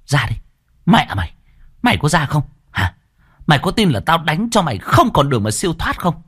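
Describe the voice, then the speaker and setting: Man doing a tough village woman, higher voice, snaps and yells. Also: expressive, moderate pace, dry recording, clean studio sound, close to an everyday voice. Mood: fierce. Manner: sharp scolding shouts. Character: fierce young village woman with a wooden sword.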